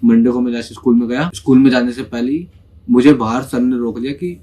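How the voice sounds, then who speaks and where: A young man telling a school story in a casual, chatty way, full of fillers and quick acted-out quotes. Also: medium pitch, fairly even intonation, warm tone. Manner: chatty, many fillers, acts out quoted voices.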